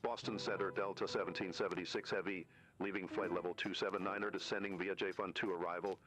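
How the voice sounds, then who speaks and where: A man reading back instructions as a pilot over the radio, quiet and distant, in clipped, procedural radio phrasing. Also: sits low, steady tone, fast. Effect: pilot's readback over the radio, quiet and distant. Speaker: pilot in a flight simulator.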